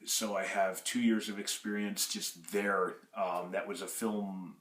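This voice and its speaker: A man's voice: low-pitched, level tone, measured pace, fairly bright tone, reverberant. A young man in his twenties, from Russia and raised in Michigan, answering audition interview questions in a rambling way, with many restarts and fillers. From Russia, grew up in Michigan. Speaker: acting applicant.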